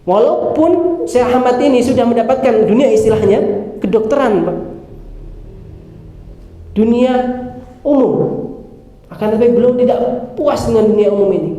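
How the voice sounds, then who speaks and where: A man from Indonesia preaching a dawn study sermon, lively, breaking into chanted Quran recitation. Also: very high-pitched, normal speed, long pauses. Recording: echoey hall, reverberant.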